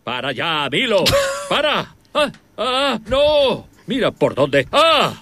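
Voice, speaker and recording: A man's voice: high voice, big pitch swings, slow, noisy background, heavily acted. A voice actor playing a terrified young man trapped in a speeding car in a video game, yelping in panic. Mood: panicked. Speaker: game character.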